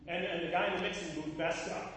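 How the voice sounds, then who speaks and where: A man's voice: high-pitched, fairly even intonation, fast talker, a bit bright, a little hiss or hum. A man preaching a sermon, calling out to his listeners and breaking into short sung lines. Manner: preaching with sung snatches and call-outs to listeners. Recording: echoey hall from far off.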